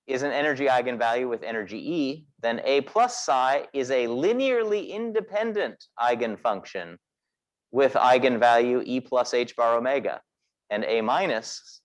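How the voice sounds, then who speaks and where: A man teaching a physics class, explaining step by step and asking the class questions as he goes. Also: medium pitch. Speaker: physics instructor. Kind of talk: lecturing in a class meeting. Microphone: recorded class session.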